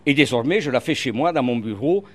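A man's voice: mid-range voice, expressive, fairly quick, a little hiss or hum. An older man with a regional French accent, a radio columnist in an interview, hesitant with many fillers but earnest and emphatic.

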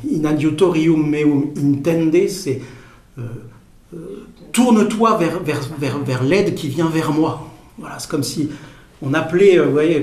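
A man giving a spoken teaching on prayer to a group, halting with many fillers and repeated words, asking the audience questions. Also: on the high side, darkish tone. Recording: echoey room, voice from a distance.

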